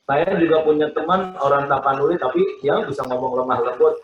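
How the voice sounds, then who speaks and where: A man, a pastor, teaching a crowd about family communication in an animated, joking way. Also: fairly high pitch, brisk, lo-fi sound, a little hiss or hum. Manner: animated, joking, acts out example phrases. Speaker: pastor, guest speaker. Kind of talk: teaching talk on family life. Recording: echoey room with audience.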